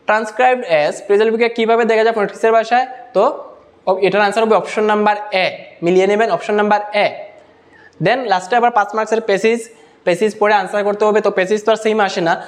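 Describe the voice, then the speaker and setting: A man with a high-pitched voice goes through a teacher-exam paper answer by answer. He reads each English question out slowly, word by word, then explains the answer in Bengali peppered with English terms.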